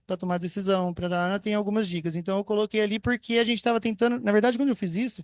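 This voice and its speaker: Male physician-educator, higher voice, rapid talker, panel talk. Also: darkish tone, no echo, clean studio sound. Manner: fast, thinks aloud with restarts and quoted examples. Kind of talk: case discussion panel talk.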